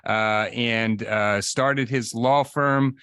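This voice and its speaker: A man hosting a podcast in a conversational, halting manner, repeating words as he goes. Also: medium pitch, fairly even intonation, fairly bright tone, smooth, dry recording, clean studio sound. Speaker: podcast host. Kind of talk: conversational introduction of a guest.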